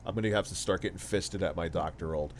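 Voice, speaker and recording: A man's voice: low-pitched, quick pace, slight background noise. Crude, ranting man in his forties. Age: 40s. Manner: swears a lot, animated rants. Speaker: livestream host reading viewer messages. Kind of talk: casual crude chat.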